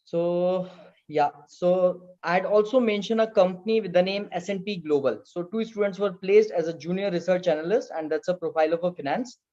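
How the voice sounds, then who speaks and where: A man with an Indian accent moderating an online presentation as host, in a halting way. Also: high voice, a little mellow. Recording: dull, lo-fi video call audio.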